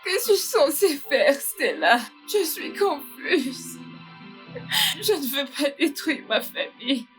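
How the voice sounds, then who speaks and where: An actress voicing an upset young wife who does not know what to do, in a dubbed drama. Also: female voice, a little high, a little slow, faint music behind, natural voice. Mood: tearful. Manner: tearful, hesitant. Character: tearful, torn young married woman.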